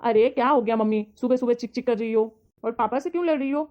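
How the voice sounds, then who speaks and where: A woman voices a grown son who whines and argues back at his mother in a raised, fast voice. The sound is dull and lo-fi. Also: fairly high pitch, natural voice. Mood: defensive. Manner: defensive, whiny arguing. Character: exasperated grown son, defensive. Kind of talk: scripted family comedy sketch. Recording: dull lo-fi audio.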